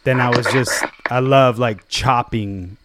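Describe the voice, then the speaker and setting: A man's voice: medium pitch, steady tone, slow pace, heavy background noise. A man in his forties, a guest musician, chatting casually and rambling with lots of "like" and "you know". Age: 40s. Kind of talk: casual interview chat.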